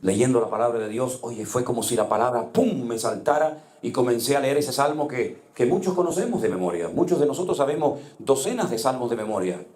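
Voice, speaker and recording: A male pastor preaching a sermon, telling stories with passion and dropping to hushed tones at times. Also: medium pitch, lively intonation, brisk, few pauses. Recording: echoey room.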